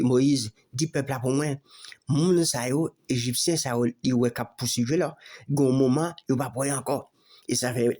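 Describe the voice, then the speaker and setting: Halting Haitian-accented male preacher. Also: medium pitch, darkish tone. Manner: halting, repeats words, lists Bible verses. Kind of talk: sermon.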